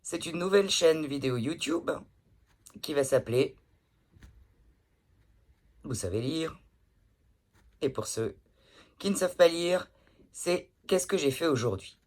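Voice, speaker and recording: A woman's voice: low voice, expressive, unhurried, pauses often, darkish tone. A woman chatting casually to her phone camera indoors, blunt and swearing freely as she tells everyday stories. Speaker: vlogger. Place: indoors, pillow behind her.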